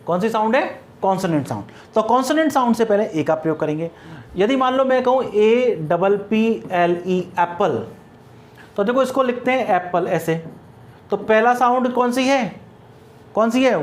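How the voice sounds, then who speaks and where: Man teaching with rhetorical drill questions. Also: high-pitched. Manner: spells words out letter by letter. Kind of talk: classroom grammar lecture.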